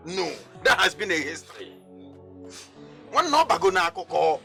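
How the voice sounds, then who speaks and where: A man's voice: high voice, normal speed, creaky, heavily acted. A man with a Nigerian accent playing a blunt young friend who lectures his crying friend, over background music. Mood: chiding. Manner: lecturing, animated.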